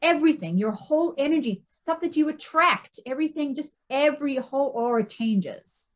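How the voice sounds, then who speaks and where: Middle-aged woman, interview guest coach, fairly high voice, animated and repetitive, tags lines with "right?". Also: normal speed. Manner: animated, repeats words, frequent "right?" tags. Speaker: stress and anxiety coach, guest. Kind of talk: casual interview conversation.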